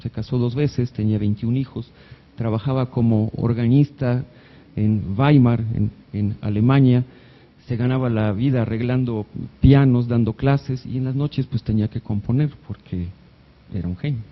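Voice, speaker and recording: A man's voice: medium pitch, normal speed, dull audio. A man, a doctor, giving a conversational, jokey live lecture on music theory to an audience, now and then singing short note examples. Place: hospital event hall.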